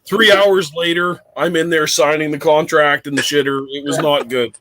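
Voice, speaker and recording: A man's voice: a little high, steady tone, moderate pace, fairly bright tone, dry recording. A man who is a podcast guest, joking bluntly and crudely in casual chat.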